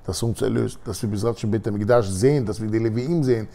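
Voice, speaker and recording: A man's voice: fairly low pitch, fast talker, gravelly, warm tone. A man preaching through a dramatic story, speaking straight to his listeners as a religious teacher. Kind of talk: storytelling sermon.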